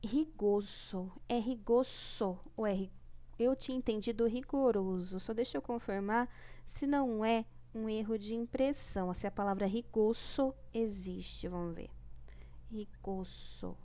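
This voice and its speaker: A woman's voice: medium pitch, a little slow, dark tone. A woman teaching a primary class remotely with a Brazilian Portuguese accent, patient and repetitive, stretching out key words and checking in often.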